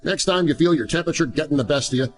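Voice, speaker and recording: A man reading a scripted story as a narrator, in an animated storytelling manner. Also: fairly high pitch, very fast. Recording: music under the voice. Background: background music.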